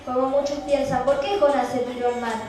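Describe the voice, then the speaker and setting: A woman's voice: sits high, fairly even intonation, a little fast. A woman with a Rioplatense Argentine accent preaching a sermon to a youth group, reading scripture and asking the listeners rhetorical questions in an earnest way. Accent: Rioplatense Spanish. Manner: earnest, rhetorical, reads scripture aloud then explains. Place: church hall. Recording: echoey hall from far off, music behind.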